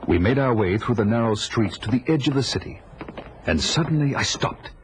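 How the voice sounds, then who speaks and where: A man's voice: mid-range voice, animated, fairly quick, slight background noise, lightly acted, low-quality recording. An actor playing a bold, fearless barbarian hero who tells his own adventure in a grave, dramatic, archaic way for an audio drama. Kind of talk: audio drama narration and dialogue.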